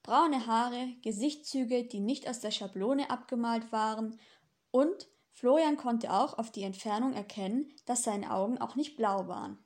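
Woman audiobook narrator, fairly high voice, steady and expressive. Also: unhurried.

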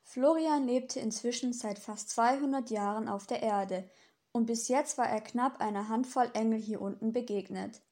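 A woman narrating a novel chapter as an audiobook in a steady, even storytelling manner. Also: a little high, normal speed. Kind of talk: scripted narration.

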